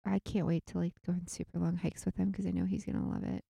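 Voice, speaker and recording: Woman podcast cohost, kinda low voice, gravelly, chatty with soft asides. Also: level tone, quick pace, no room sound, studio quality. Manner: chatty, drifts to quiet asides. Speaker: podcast co-host. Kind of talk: casual chat.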